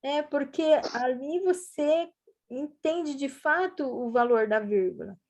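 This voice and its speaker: A woman's voice: sits high, slow pace, darkish tone. A woman tutoring one student over a video call, patiently explaining and reading example sentences aloud with varied intonation. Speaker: writing tutor. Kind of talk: online one-on-one lesson.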